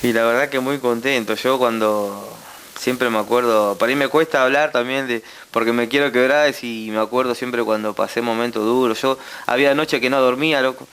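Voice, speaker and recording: Gravelly Argentine man giving testimony. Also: mid-range voice, fairly even intonation, a bit bright. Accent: Argentine Rioplatense. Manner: halting and heartfelt, with many repeated tag questions. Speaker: guest. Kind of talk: emotional personal testimony.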